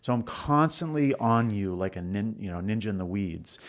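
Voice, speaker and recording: Middle-aged guy coaching type, fairly low voice, chatty, loves doing the voices of people in his stories. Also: normal speed. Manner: animated storyteller who acts out quoted people, laughs easily. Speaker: leadership coach, guest. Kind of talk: casual podcast conversation.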